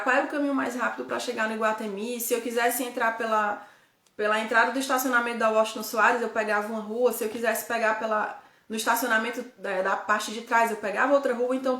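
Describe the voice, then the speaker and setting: A woman's voice: on the high side, fairly bright tone, echoey room. Chatty woman with a Ceará accent. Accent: Northeastern Brazilian, Ceará. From Ceará, Brazil. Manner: chatty, frequent tag questions, self-correcting. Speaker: host, guide living abroad. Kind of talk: casual live chat to viewers.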